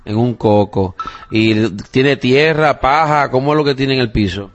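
A man from Puerto Rico with a Puerto Rican Spanish accent, hosting a casual family podcast and talking with his young daughter. He chats in a relaxed way with plenty of fillers and the odd English phrase. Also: mid-range voice, unhurried, muffled recording. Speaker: podcast host and father.

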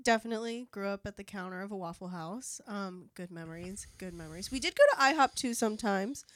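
A woman's voice: mid-range voice, dry recording. A young woman chatting casually with her father, asking him questions and teasing him playfully. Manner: playful, quick to laugh and tease. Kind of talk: casual family chat.

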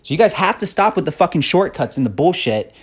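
A man's voice: on the high side, big pitch swings, fast, husky. A man in his thirties hosting a podcast, giving a blunt, profane motivational monologue that grows more fired-up. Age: 30s. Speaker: podcast host.

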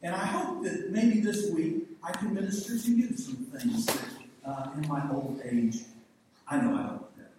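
This sermon comes from a man in his sixties from the American South, folksy, joking and prone to rambling, with a Southern accent. His voice is on the high side at a moderate pace, caught by a far-off, echoey church hall mic amid background noise.

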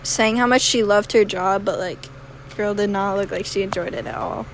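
A teenage girl hosting a podcast over a call, chatting in a laid-back way with short, easy replies. Clear background noise runs under her medium-pitched voice. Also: fairly even intonation, normal speed. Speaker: podcast host. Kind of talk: casual chat.

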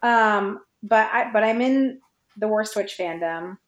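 Giggly and casual, a woman who writes fan fiction talks as a podcast guest, working through her thoughts aloud. She has a mid-range voice and an unhurried delivery, captured in lo-fi audio with a roomy, echoey quality.

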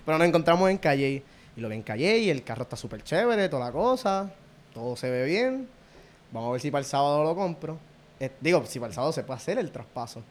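A man's voice: fairly high pitch, expressive, fast. A young Puerto Rican man chatting casually as a podcast co-host, laid-back, swearing often and laughing a lot. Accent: Puerto Rican Spanish. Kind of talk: casual chat.

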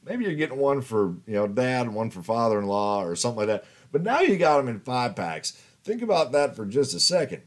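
A man's voice: medium pitch, big pitch swings, a little fast, hardly any pauses. A man in his fifties telling rambling personal stories in a casual monologue, swearing and laughing as he goes. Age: 50s. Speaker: podcast host.

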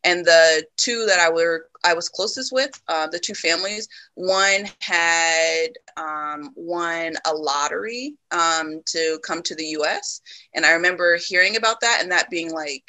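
A woman from the United States talking reflectively in a casual conversation, often pausing with ums and laughing. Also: fairly low pitch, sharp tone, low-quality recording.

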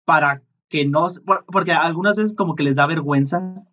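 A man chats casually, hesitating often and filling pauses. His voice is a bit high for a man and bright and tense, while the recording sounds dull and muffled. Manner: halting, with many fillers. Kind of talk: casual chat.

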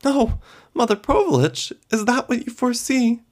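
A man's voice: high voice, lively intonation, a little slow, darkish tone, pitched above the performer's own voice. A man reading a story, voicing an eager young wife who implores sweetly. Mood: pleading. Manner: breathless, imploring.

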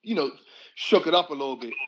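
A man's voice: a little high, animated, fast talker, muffled recording, background noise. A man hosting a podcast in casual chat, laid-back but opinionated. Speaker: podcast host.

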